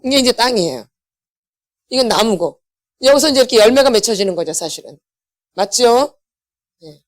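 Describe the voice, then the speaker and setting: A woman's voice: a little high, animated, normal speed, no room sound, studio quality. A middle-aged woman, a pastor's wife, giving a church healing lecture, asking her listeners questions and repeating the key words back to them. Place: church hall.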